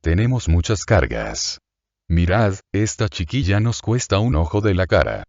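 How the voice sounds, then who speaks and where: A man's voice: deep voice, very animated, unhurried, gravelly, darkish tone, no echo, muffled recording, exaggerated voice. A man voicing a scheming middle-aged female innkeeper who whines and fawns over a rich guest, in an audiobook reading. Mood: lamenting. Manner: plaintive, wheedling, fawning.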